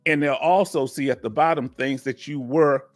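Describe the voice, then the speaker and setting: A veteran claims advisor in his fifties hosts a casual, folksy live Q&A, often repeating himself and coaxing the audience to take part. He speaks at a moderate pace with a medium-pitched, fairly even voice, soft music playing behind.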